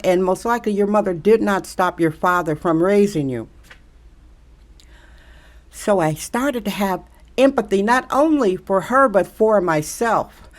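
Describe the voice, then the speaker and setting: Middle-aged woman preaching to her viewers, keeps asking are you listening, pushy and emphatic. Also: medium pitch. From Milwaukee, Wisconsin. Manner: preachy, emphatic, repeats rhetorical questions. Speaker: social media commentator. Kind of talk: direct-to-camera monologue.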